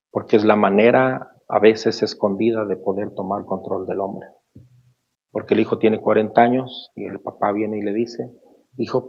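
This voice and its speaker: Male pastor, sermon, low voice, gravelly, rhetorical questions, dull lo-fi recording. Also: a little mellow. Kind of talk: sermon and closing prayer.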